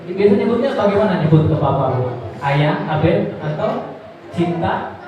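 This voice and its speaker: A man preaching a sermon to women in a mosque, animated, acting out quoted wives in sudden high voices. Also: moderate pace, muffled recording, crowd noise. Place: mosque hall. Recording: very echoey hall, distant mic.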